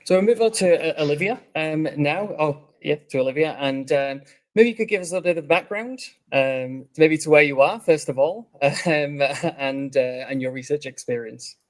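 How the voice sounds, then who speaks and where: A man's voice: on the high side, moderate pace. A man moderating a panel, politely introducing the speakers and asking them questions.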